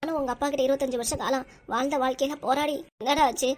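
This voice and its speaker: A woman's voice: high voice, fairly even intonation, fast, a little hiss or hum, lightly acted. A woman voicing a scheming whiny mother. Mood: whining. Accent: Tirunelveli Tamil. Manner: complaining, whiny and plotting. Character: scheming middle-aged mother who fakes crying. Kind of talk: cartoon voice acting.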